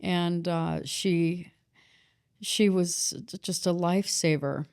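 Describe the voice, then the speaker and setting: A middle-aged woman, a podcast guest and author, telling a painful personal story in a halting way, often restarting and getting emotional. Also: on the low side, fairly even intonation, a little mellow, clear, resonant tone.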